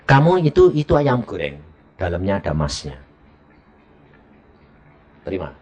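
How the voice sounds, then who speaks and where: A middle-aged male evangelist, preaching a sermon as a lively story and acting out the dialogue. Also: unhurried, highs cut off. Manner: animated, acts out dialogue with sharp pitch jumps.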